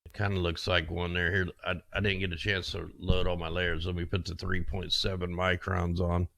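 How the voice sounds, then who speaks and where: Low bright-voiced man narrating maps. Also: little pitch movement, normal speed, creaky, no room sound. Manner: rambling, conspiratorial, talks while clicking through maps. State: losing his voice. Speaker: weather video host. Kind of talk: casual screen-share commentary.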